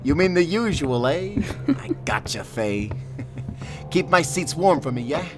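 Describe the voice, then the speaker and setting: An actor playing a jovial, flirtatious Grim Reaper with a folksy, slangy, teasing manner and morbid humor in a fantasy audio roleplay. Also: male voice, on the high side, big pitch swings, measured pace, music in the background. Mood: sly.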